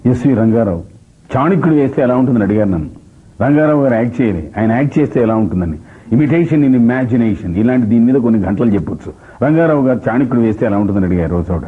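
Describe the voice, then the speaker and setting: Husky-voiced man telling stories, tinny sound. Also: lowish voice, quick pace. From Telangana, India. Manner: animated, slips into quoted voices. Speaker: mimicry artist. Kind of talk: anecdotal storytelling. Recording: tinny phone-like recording.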